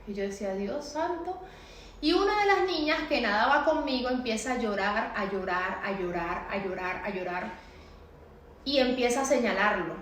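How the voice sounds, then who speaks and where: A woman's voice: fairly high pitch, a little hiss or hum. Emotional woman telling her story, echoey room. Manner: emotional, repetitive, pleading. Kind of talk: personal testimony.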